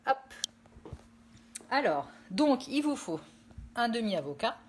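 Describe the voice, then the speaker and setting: A woman's voice: on the high side, sing-song, slow, a little hiss or hum. A woman hosting a casual live cooking stream from her home kitchen, chatting with viewers through her phone and rambling with many fillers.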